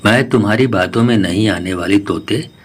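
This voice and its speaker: A man voicing a sharp-tongued female myna bird in a storybook tale, scolding and curt. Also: fairly low pitch, normal speed, husky. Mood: scornful.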